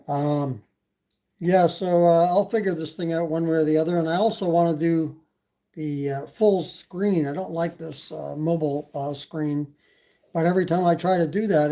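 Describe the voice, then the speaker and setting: Speaking in a mellow voice on the high side, this e-bike channel host from Canada, who has a slight Canadian accent, chats loosely with his live-stream audience. He wanders between topics, reads the chat aloud and uses plenty of filler words.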